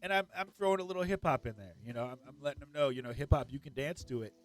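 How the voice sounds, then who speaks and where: Rapid-fire and mid-range in pitch, a comedian on a gaming podcast spins stories with enthusiasm and lots of jokes over soft background music. The conversation stays casual and upbeat throughout.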